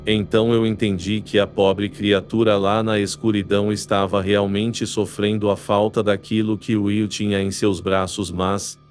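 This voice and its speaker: Male audiobook narrator with a low voice, measured and even, soft music faintly underneath. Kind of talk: scripted narration.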